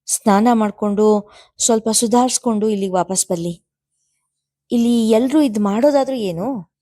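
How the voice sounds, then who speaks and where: A woman's voice: on the high side, moderate pace, dark tone, no echo, natural voice. A woman reading the lines of a practical, caring middle-aged woman coaxing her family.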